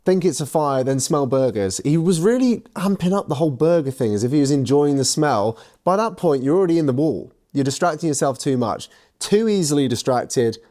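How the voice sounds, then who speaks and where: A man's voice: mid-range voice, mellow. A man hosting a game show panel, speaking in blunt, casual banter. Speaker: panel host.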